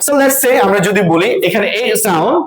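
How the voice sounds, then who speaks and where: A woman's voice: medium pitch, lively intonation, normal speed. A woman teaching English pronunciation to a class, quizzing the students and sounding out syllables one by one. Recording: echoey room with loud crowd noise.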